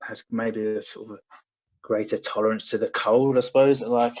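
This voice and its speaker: A young personal trainer appears as a podcast guest and tells stories casually, hesitating often and filling his speech with fillers and restarts. His voice is lowish and a little mellow, with fairly even intonation and a moderate pace. The audio is dull and lo-fi.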